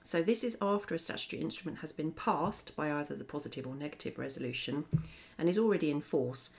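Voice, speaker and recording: A woman narrating a scripted law revision lesson as a voice-over, explaining in a clear, methodical way. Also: low-pitched, fast. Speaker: law teacher.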